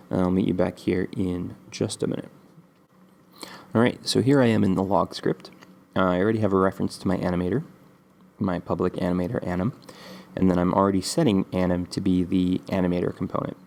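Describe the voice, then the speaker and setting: Deep and gravelly, this man sounds congested from a cold as he hosts a casual screen-recorded tutorial on game development. He moves briskly yet stays relaxed, rambling with lots of ums.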